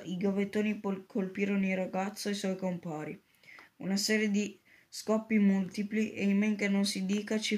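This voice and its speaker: Woman reading a story aloud. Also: mid-range voice. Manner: steady reading with small slips and restarts. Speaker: narrator.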